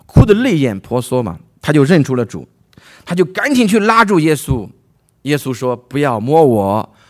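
Animated male preacher with a lively voice. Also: on the high side. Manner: animated storytelling with rhetorical questions. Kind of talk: Bible sermon.

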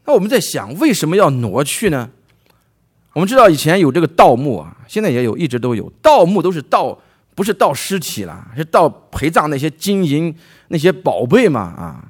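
A man's voice: fairly high pitch, sing-song, brisk, breathy edge. A male preacher from China gives a Bible sermon, retelling the story with rhetorical questions to his listeners.

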